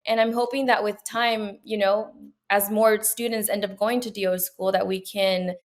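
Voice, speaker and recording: A woman's voice: medium pitch, steady tone, normal speed. A young woman from Peru, a medical student, answering interview questions in an earnest, reflective way with frequent fillers and restarts.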